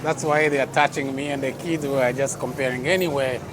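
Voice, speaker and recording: A travel vlogger from Texas gives casual walking narration through an outdoor night food court, often exclaiming in wonder, at medium pitch with fairly even intonation and a fairly quick pace. Background crowd chatter and traffic fill this noisy, crowded street market recording.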